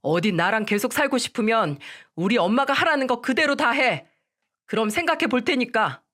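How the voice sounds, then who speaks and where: A woman's voice: fairly high pitch, expressive, normal speed, a bit bright, voice pushed up. A woman voicing a young husband in a radio story, curt and firm with his wife. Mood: cold. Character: young husband, cold and unforgiving.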